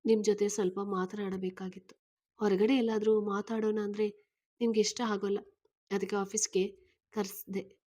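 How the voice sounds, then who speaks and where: A woman voicing an earnest man in his thirties who gently and eagerly asks a woman to marry him, in a read-aloud story. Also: mid-range voice, level tone, moderate pace, natural voice.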